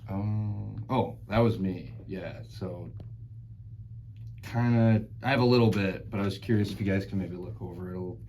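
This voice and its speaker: A man's voice: sits low, normal speed, dark tone, slight background noise, rough recording. A young man acting as a student who has fallen behind on group work, talking in a hesitant, apologetic mumble. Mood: sheepish. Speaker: student in a class skit. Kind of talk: amateur skit acting.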